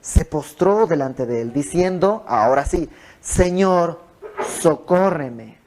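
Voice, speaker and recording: A man's voice: on the high side, lively intonation, measured pace, a little mellow, slight background noise. A man teaching an informal Bible study in a home, explaining verse by verse with conversational asides. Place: a private home.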